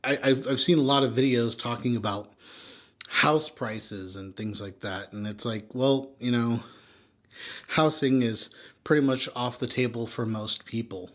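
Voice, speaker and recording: An American man talks off the cuff in a weary, burnt-out way. His voice sits at an average male pitch and tends to trail away at the ends of thoughts. He is frank and unpolished, venting like a vlogger with no script. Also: measured pace. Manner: exhausted, weary, sighing and trailing off; frank, swearing. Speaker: vlogger venting personal frustrations. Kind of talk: candid unscripted rant.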